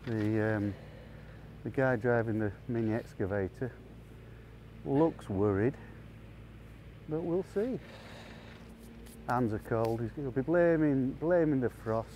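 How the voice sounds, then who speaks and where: A man's voice: medium pitch, slow pace, long pauses, dark tone, a little hiss or hum. A man golfing with a friend, chatting and bantering in a dry, self-deprecating way out on the course. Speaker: mid-handicap golfer, regular guest. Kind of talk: casual banter. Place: outdoors on a golf course.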